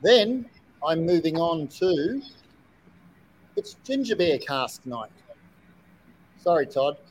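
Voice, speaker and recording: A man's voice: a little high, big pitch swings, takes it slowly, slight background noise, rough recording. An Australian man hosting a casual live online chat show from his shed.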